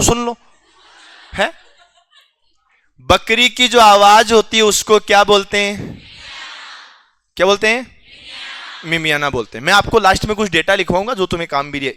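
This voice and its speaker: A man's voice: high-pitched, bright, forceful tone, clear, resonant tone, dry recording. A male teacher quizzing his students in a classroom, teasing and joking with them as he goes, with a Rajasthani Hindi accent.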